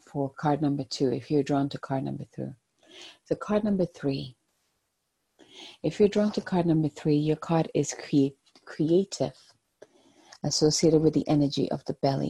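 A host giving a spiritual card reading and guided meditation in a soft, soothing, breathy, husky voice. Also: mid-range voice. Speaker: host, oracle card reader.

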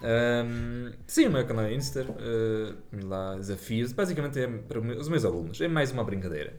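A man's voice: medium pitch, animated, moderate pace, darkish tone. A man from Germany with a German accent, chatting casually as a guest, hesitantly searching for words. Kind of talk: casual chat.

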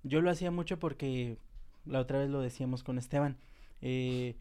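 A man's voice: medium pitch, normal speed, warm tone, smooth. Reflective man sharing a story. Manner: reflective, self-deprecating. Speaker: guest. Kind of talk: personal storytelling in casual chat.

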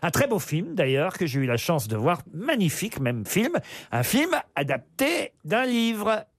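A man hosting a lively radio panel show and quiz, bantering quickly and laughing often. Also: sits high, dry recording, clean studio sound.

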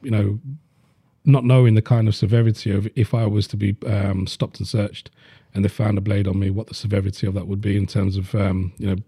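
A man's voice: fairly low pitch, little pitch movement, brisk, dark tone, breathy edge, no room sound, studio quality. A man, chatting bluntly on a podcast and swearing freely. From Leicester, England. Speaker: podcast host. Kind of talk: casual chat.

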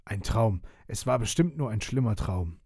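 A man putting on a bewildered old vampire knight for a storybook, speaking in stiff, courtly phrases and often stammering. The voice is mellow and husky, and it sits close and dry. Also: fairly low pitch, expressive, normal speed, no room sound. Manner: stammering, archaic formal speech. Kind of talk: storybook reading.

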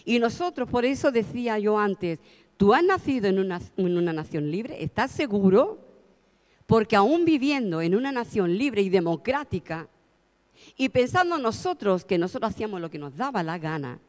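A woman's voice: medium pitch, sing-song, normal speed, a little mellow. A woman from preaching a sermon, telling stories heartfelt and pressing her points with emphasis. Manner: heartfelt, storytelling, rising to emphatic. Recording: long hall reverb.

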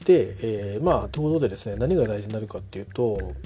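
A man's voice: lowish voice, expressive, fast, mellow, slight background noise. A man talking casually on his own, rambling with many fillers and self-corrections. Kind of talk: casual solo talk.

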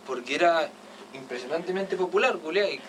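A young man with an Argentine accent, chatting excitedly and casually, full of slang and fillers. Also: fairly high pitch. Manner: fast, excited, heavy slang, constant fillers. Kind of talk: casual chat. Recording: distant mic with faint noise.

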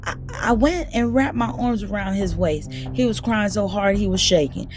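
A woman reading a children's novel aloud in a steady, plain storytelling manner. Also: medium pitch, moderate pace, soft background music. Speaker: audiobook reader.

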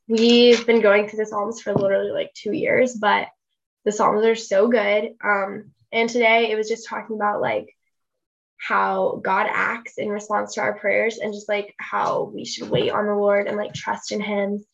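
A woman's voice: mid-range voice, gravelly, muffled recording. A young woman co-hosting a podcast, chatting casually and using plenty of "like" fillers. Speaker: podcast co-host. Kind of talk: casual chat.

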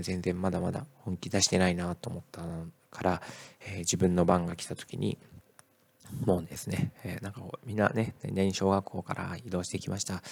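A middle-aged male teacher talking casually in a podcast monologue, relaxed and full of "eh" fillers. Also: low-pitched, gravelly, slightly rough, dry recording.

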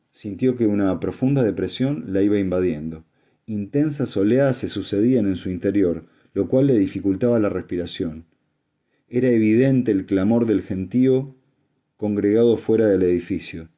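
Male narrator, audiobook reading, steady, low voice, very dark tone.

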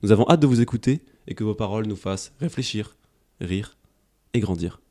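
A man reading a scripted radio station promo in a measured, declamatory way. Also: on the low side, expressive, a little mellow.

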